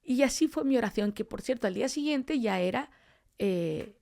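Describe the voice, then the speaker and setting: A woman's voice: on the high side, lively intonation, moderate pace, creaky, dark tone. A woman telling her personal testimony as a podcast guest, acting out the dialogue she recalls. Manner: storytelling, acting out quoted dialogue. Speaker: podcast guest, street evangelist.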